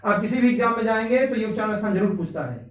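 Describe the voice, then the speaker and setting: A man with a very high voice teaches Sanskrit grammar in a classroom. He sounds out each letter and keeps quizzing his students. He is recorded from a distance in an echoey room. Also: expressive, racing, fairly bright tone. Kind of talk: classroom lesson. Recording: echoey room, mic from afar.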